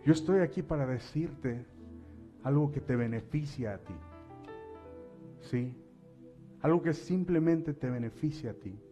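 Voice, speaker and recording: A higher-voiced man delivering a sermon from the pulpit, repeatedly turning to his congregation with questions. He pushes into loud, forceful preaching at the peaks, with a faint musical backing underneath. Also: measured pace, pauses often, soft background music. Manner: rises to loud, high-pitched preaching at climaxes. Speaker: pastor.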